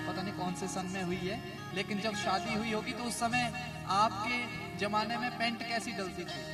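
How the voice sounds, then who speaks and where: A man's voice: high voice, far from the mic. A man with a Himachali accent giving a devotional sermon in a folksy way, often asking his listeners questions. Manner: folksy, asks the crowd questions. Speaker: kathavachak preacher. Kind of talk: devotional discourse. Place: religious gathering.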